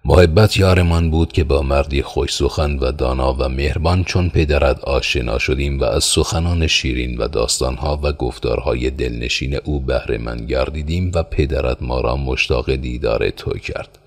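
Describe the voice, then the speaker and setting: A man's voice: very deep voice, hardly any pauses, breathy edge, heavily acted. A man voicing a polite, earnest young male traveler in an audiobook.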